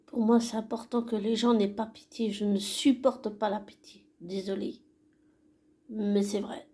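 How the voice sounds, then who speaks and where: A woman talks her viewers through a song she wrote, in an unhurried, casual way. Her voice is mellow and dark, and she speaks slowly and softly, stumbling and restarting as she searches for words and sometimes dropping almost to a whisper. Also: mid-range voice, flat delivery, husky. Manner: soft, hesitant, with restarts and trailing off. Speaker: songwriter explaining her own song. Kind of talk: casual spoken explanation to viewers.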